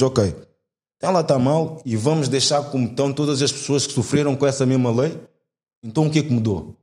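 A young man argues earnestly in a mid-pitched voice. His talk is heartfelt and direct, with casual slang. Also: mellow. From Portugal. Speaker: guest. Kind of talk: earnest conversation.

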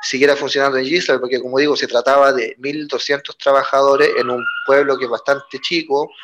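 Man, 40s, Chilean accent; relaxed interview guest, steady storyteller. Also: medium pitch, fairly quick, lo-fi sound, noisy background. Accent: Chilean Spanish. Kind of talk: casual interview.

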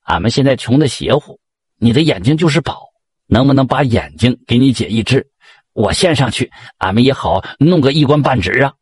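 A man playing a greedy, pushy village husband who coaxes his wife, with a husky voice. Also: medium pitch, animated, brisk, no room sound. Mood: coaxing. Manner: coaxing and pushy. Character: greedy wheedling poor husband.

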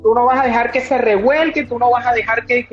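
As a guest expert on child behavior, a woman with a slightly high voice talks a little fast with fairly even intonation. She explains emphatically in the interview, repeating key phrases and offering examples, over dull lo-fi audio with faint music in the background.

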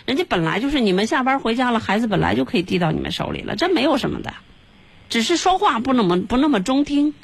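A woman's voice: fairly high pitch, big pitch swings, fast, vocal fry, slightly rough, no echo. A woman hosting a call-in advice show, speaking bluntly and scolding with rhetorical questions. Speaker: radio advice host.

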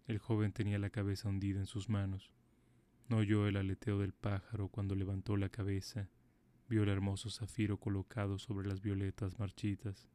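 A man narrating a fairy tale in a calm, even storybook delivery. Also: on the low side, normal speed.

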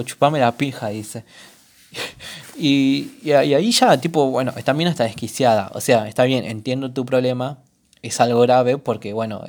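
A man's voice: medium pitch, darkish tone. A young man with a Rioplatense Spanish accent hosting a solo podcast, chatting casually and rambling as if talking to a friend. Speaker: podcast host.

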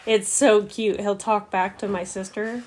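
A woman's voice: medium pitch, little pitch movement, measured pace. A woman co-hosting a casual comedy podcast, chatty and laughing as she tells stories about her pets. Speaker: podcast co-host.

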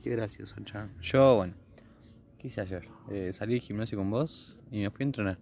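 A man's voice: fairly low pitch, normal speed, darkish tone, a little hiss or hum. Laid-back young guy outdoors. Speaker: friend. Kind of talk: casual chat. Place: outdoors by a fire.

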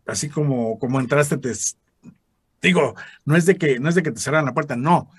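A man's voice: on the high side, a little fast, husky, no room sound, clean studio sound. A man with a Mexican Spanish accent, a former radio announcer and voice actor, telling stories in a casual interview and acting out the voices he quotes. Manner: animated, acts out quoted voices.

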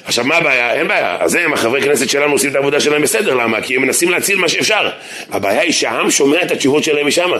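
A man who is a rabbi, giving a humorous Torah lesson in a synagogue. He speaks animatedly and jokes, swinging between loud shouts and low asides. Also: lively intonation.

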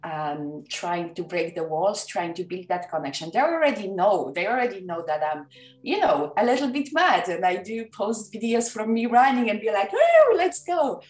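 With a sing-song, medium-pitched, slightly mellow voice at a moderate pace, a Polish-accented wedding photographer from Poland enthuses through a casual podcast interview, often filling and restarting. The sound is distant and off-mic, in an echoey room with faint music.

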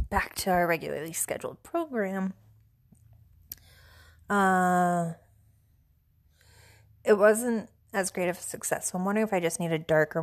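A woman from the central United States hosting a casual solo podcast, sounding stuffy and a little hoarse, rambling and self-deprecating. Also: on the low side. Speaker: podcast host.

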